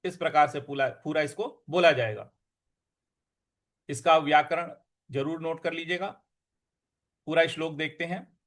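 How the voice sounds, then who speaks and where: A man teaching how to recite a scripture verse, chanting it slowly and explaining each sound. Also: a little high, a bit bright. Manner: slow, drawn-out chanting of verses between quick explanations. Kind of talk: recitation lesson with slow chanting.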